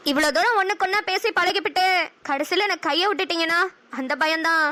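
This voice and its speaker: A woman doing an anxious young village sweetheart, very high and bright. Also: fast. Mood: worried. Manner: emotional, teasing then tearful. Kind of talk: cartoon dialogue acting.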